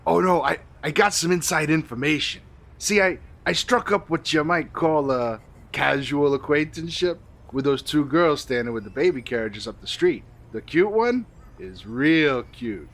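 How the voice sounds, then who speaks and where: Lively 1930s beat cop, New flatfoot. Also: male voice, on the high side, normal speed. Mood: earnest. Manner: old-time beat cop slang. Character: flirty, dim 1950s New York working-stiff flatfoot assistant. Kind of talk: period radio comedy acting.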